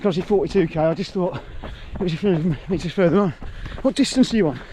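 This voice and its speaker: A man's voice: high voice, quick pace, dark tone, a little hiss or hum. A man talking casually to camera while running a marathon outdoors, exerted and ruefully self-deprecating. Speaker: vlogger.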